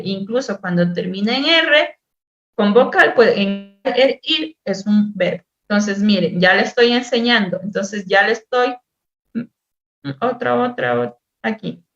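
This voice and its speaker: A woman teacher-therapist giving a lecture on spelling intervention, explaining patiently, repeating words and drawing out sounds slowly as examples. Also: fairly high pitch, a bit bright. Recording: echoey room, dull lo-fi sound.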